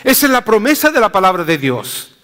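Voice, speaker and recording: A man pastor preaching a sermon in slow, deliberate phrases, dropping low and soft at the ends. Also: sing-song.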